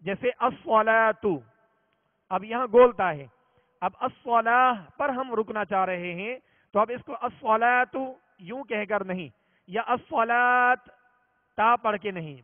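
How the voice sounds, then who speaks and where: A man teaching a religious reading lesson, explaining patiently and repeating each rule, slowing down to sound out examples. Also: high voice. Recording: tinny phone-like audio, long reverb.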